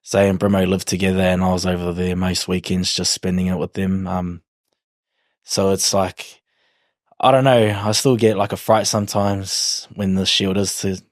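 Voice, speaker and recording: A man's voice: sits low, little pitch movement, normal speed, no room sound, clean studio sound. A man in his twenties with a broad New Zealand accent, chatting casually in an interview in a laid-back, slangy, hesitant way. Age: 20s. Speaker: rugby league player, podcast guest.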